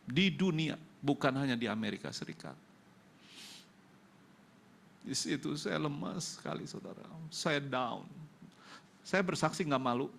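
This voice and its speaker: Brief: male pastor, Indonesian accent, gravelly, fairly high voice, emotional testimony preaching. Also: big pitch swings, measured pace, pauses often, fairly bright tone, slight background noise. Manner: emotional storytelling, acting out dialogue. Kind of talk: testimony sermon. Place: church.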